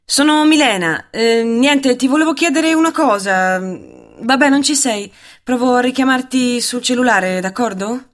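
A woman leaving a voicemail in a scripted lesson dialogue, speaking slowly, haltingly and a little too loud into the phone. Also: fairly high pitch, animated.

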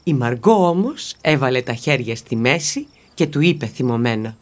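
A woman narrating a children's story in a steady, expressive reading voice. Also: rumbling low.

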